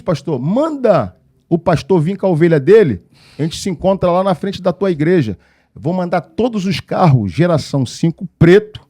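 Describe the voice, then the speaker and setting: A man with a Rio de Janeiro accent, a pastor and podcast guest, telling stories in an animated way and acting out the dialogue. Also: fairly high pitch. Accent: Rio de Janeiro Portuguese. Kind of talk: storytelling in a podcast interview.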